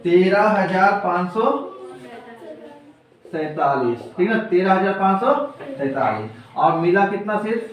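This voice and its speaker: High-voiced male teacher in echoey classroom. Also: big pitch swings, a little slow, long pauses. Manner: quizzes students, repeats answers back. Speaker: commerce teacher. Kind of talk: classroom lecture. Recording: echoey room, mic far off.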